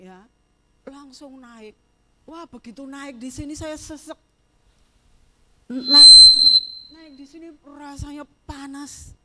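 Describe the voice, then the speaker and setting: A woman's voice: high-pitched, noisy background. An older woman giving a sermon testimony, moving from fervent preaching into chatty storytelling. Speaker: church minister.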